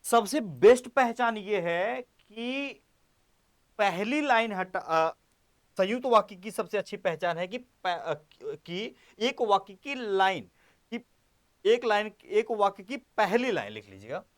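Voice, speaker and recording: A man teaching a classroom grammar lesson, repeating words slowly as he writes and joking with students directly. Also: sits high, lively intonation. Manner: repeats words slowly while writing on board; playful, addresses students directly.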